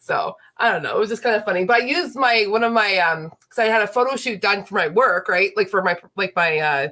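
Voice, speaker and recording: A late-thirties woman hosting an informal livestream chat talks a little fast, her mid-range voice animated, pushed, and bright. She's still stuffy and congested from an illness that hasn't cleared, rambling on chattily with lots of fillers.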